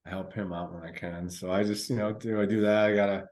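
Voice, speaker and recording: A man's voice: fairly low pitch, fairly even intonation, fast talker, a little mellow. A man co-hosting a podcast in casual chat, laid-back and rambling with many fillers. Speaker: podcast co-host.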